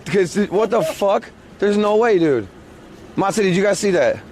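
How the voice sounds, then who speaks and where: A man chatting casually and excitedly, with profane, slangy exclamations. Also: high-pitched, unhurried. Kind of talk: excited casual chat during outdoor clips. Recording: noisy amateur recording.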